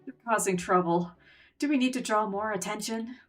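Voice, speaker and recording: A woman's voice: medium pitch, normal speed, recorded from a distance, soft background music. A woman streamer reading a game's story aloud, with casual joking asides. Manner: reads narration aloud, breaks into laughing asides. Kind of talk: game reading and reaction.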